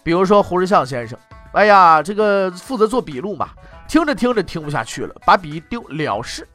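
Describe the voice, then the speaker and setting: A man's voice: high voice, big pitch swings, brisk, bright, forceful tone, faint music behind. A man telling history in traditional comic storytelling style, with wry, mocking asides.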